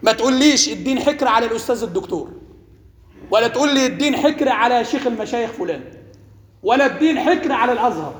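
Egyptian sheikh teaching, very high voice, echoey hall with long reverb. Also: male voice, lively intonation, very fast. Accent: Egyptian Arabic. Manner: rhetorical questions to listeners, mixes formal and colloquial. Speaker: sheikh and preacher. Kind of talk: religious lesson.

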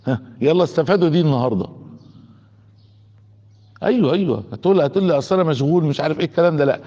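An Egyptian man preaches in a colloquial sermon, his voice sitting a little high. He keeps asking his listeners questions and trips over repeated restarts. The sound is dull and muffled, with a long reverb ringing through a hall. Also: very fast, mellow. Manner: asks the listeners rhetorical questions, with many stammered restarts.

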